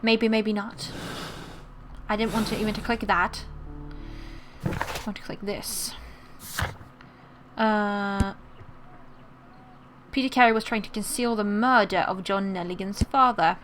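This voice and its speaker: Speaking slowly with long pauses, this gaming video host has a medium-pitched, fairly even voice and an accent that mixes American and British. She gives casual playthrough commentary and reads in-game text out loud over a noisy recording.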